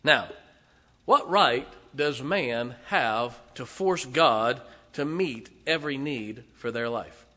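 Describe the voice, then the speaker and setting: A forty-something pastor preaching with a bright, forceful voice. He presses rhetorical questions on the congregation and swings from loud bursts to quiet asides. His sermon rings with long reverb through a church sanctuary. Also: medium pitch. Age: 40s.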